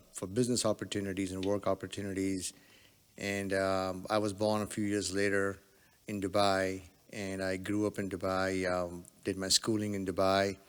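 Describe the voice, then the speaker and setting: Low, smooth-voiced man with long reverb. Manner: hesitant, many fillers. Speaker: podcast guest, telemedicine entrepreneur. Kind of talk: relaxed conversational storytelling.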